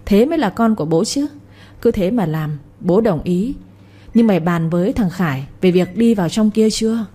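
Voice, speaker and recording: A woman voicing a gruff, greedy village father who scolds and schemes. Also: mid-range voice, animated, moderate pace, mellow. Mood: scheming. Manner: coarse, scolding, domineering.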